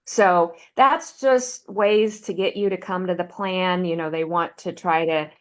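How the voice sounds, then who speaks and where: A woman presenting a benefits counseling webinar, walking listeners through slides in a steady, explanatory way. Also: fairly low pitch, measured pace. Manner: explanatory, steady, uses "um" fillers.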